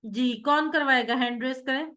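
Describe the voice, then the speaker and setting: High bright-voiced woman teaching grammar. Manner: patient, explains step by step, calls on students. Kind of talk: online class lecture.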